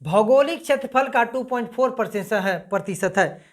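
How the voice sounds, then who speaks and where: A woman's voice: a little high, normal speed. A woman teaching a geography lesson, repeating points and quizzing her listeners as she goes. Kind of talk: casual classroom-style lesson.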